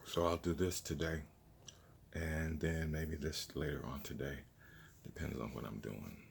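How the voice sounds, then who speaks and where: A man chewing gum while he calmly talks through a stretching and massage routine, holding the camera himself. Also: very deep voice, gravelly, a little hiss or hum. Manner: slow, relaxed, chewing gum while talking. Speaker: doctor demonstrating self-massage. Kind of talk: casual instructional vlog. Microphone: handheld phone camera.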